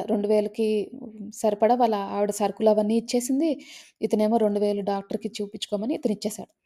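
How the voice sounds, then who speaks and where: A woman's voice: a little high, dark tone. A woman, a meditation teacher, telling a story in a casual spoken way, retelling it conversationally with fillers and restarts.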